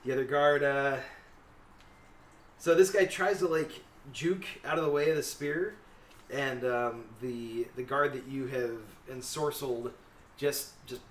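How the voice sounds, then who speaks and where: A man's voice: medium pitch, fairly even intonation, measured pace. A man running a tabletop game as game master, narrating loosely with laughs and hesitant fillers, recorded in an echoey room from a distant mic with faint hiss.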